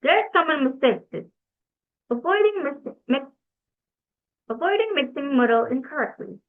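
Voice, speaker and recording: A woman's voice: high voice, animated. Young woman reading, tinny. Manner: careful, deliberate read-aloud delivery with self-corrections. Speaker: student presenter. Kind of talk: read-aloud class presentation. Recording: tinny phone-like recording.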